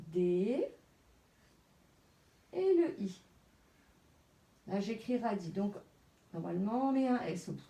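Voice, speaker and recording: A woman teacher with a French accent, giving a slow phonics lesson and carefully sounding out letters and syllables. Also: mid-range voice, gravelly, warm tone, recorded from a distance. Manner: slow, deliberate, spelling out sounds.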